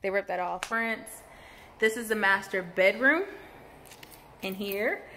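A woman's voice: medium pitch, slow pace, bright, forceful tone, slight background noise. A woman casually narrating a renovation walkthrough of her historic house, chatty and loose, with many fillers. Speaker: home renovation vlogger.

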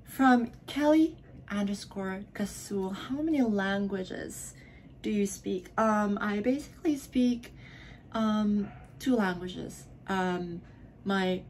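A low-quality recording with slight background noise captures the young vlogger from the Philippines speaking slowly in a medium-pitched, darkish voice. Drunk and casual in her bedroom, the Filipino (Tagalog) speaker answers viewer questions, slurring, giggling and whispering at times.

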